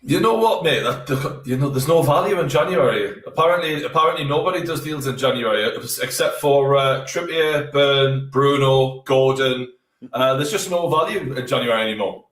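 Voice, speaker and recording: A man's voice: mid-range voice, normal speed, fairly bright tone. A man, a guest in casual chat, talking bluntly and swearing freely, heard through a tinny, metallic-sounding mic. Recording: tinny echoey remote mic from far off.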